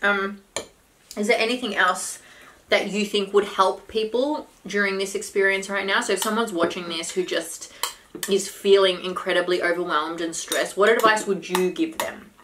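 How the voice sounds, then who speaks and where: Bright-voiced woman chatting over food. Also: medium pitch, steady tone, moderate pace, poor audio. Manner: eating while talking. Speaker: vlog host and health coach. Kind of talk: casual mukbang chat with health advice. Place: small room indoors at a table. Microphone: camera a short distance away. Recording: background noise, clinking cutlery and bowls.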